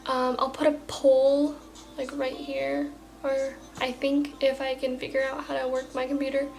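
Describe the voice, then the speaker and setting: A young woman vlogger casually retelling a story in a chatty, animated way with lots of fillers. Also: sits high, measured pace, vocal fry, poor audio.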